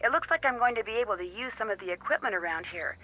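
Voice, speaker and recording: A woman's voice: a little high, expressive, rapid-fire, sharp tone, a little hiss or hum, rough recording. An actress playing a friendly young woman helping a friend in a mystery game. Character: George, Nancy's upbeat young female friend.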